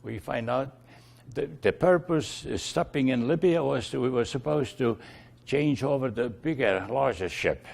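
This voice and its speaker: Older man, from Estonia, Estonian native speaker, gravelly voice, hesitant storytelling, frequent fillers. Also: medium pitch, darkish tone. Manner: halting, many fillers and restarts. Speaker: interviewee. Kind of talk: oral history recollection.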